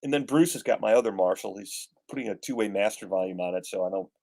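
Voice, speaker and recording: A man's voice: on the low side, fast talker, gravelly, dark tone. A man in his fifties chatting casually as a guest guitarist, rambling with gear-nerd enthusiasm. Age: 50s. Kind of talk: casual chat.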